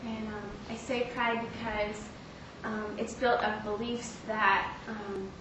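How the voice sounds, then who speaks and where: A woman's voice: mid-range voice, little pitch movement. Earnest young woman in a roomy echo. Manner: earnest, halting with frequent fillers. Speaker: speaker sharing a testimony. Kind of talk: personal faith testimony. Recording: roomy, distant mic with clear background noise.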